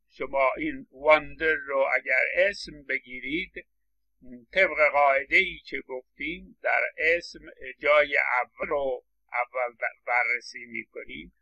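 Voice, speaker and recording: A man's voice: medium pitch, gravelly, bright, forceful tone, rough recording. A middle-aged man lecturing on English phonetics, explaining patiently and stressing words as he repeats examples, with English words spoken. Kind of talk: recorded lecture.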